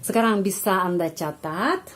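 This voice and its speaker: A woman teaching a language lesson, explaining words slowly and deliberately. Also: medium pitch, expressive, slight background noise. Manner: slow, deliberate, spells out foreign words carefully.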